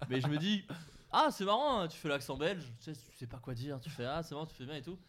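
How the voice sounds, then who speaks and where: A man's voice: on the high side, expressive, fast talker, a bit bright. A man telling a funny personal anecdote to friends around a table, with lots of fillers and laughs. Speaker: podcast co-host. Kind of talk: casual storytelling chat.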